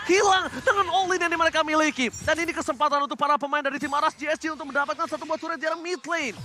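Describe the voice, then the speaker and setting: An Indonesian man commentating an esports match dramatically, in the excited manner of a fighting game announcer. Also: very high-pitched, rapid-fire, a crowd in the background. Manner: dramatic, stretches words and fires rhetorical questions. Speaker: esports play-by-play caster. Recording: music behind the voice.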